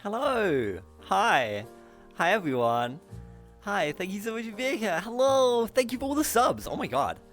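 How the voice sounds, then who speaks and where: A man with a fairly high, swooping voice hosts a casual live stream. He is excitable and giggly as he chats with viewers, and his r's come out as w's. Faint music plays behind him. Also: measured pace. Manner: says w for r. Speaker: host of a live streamed show.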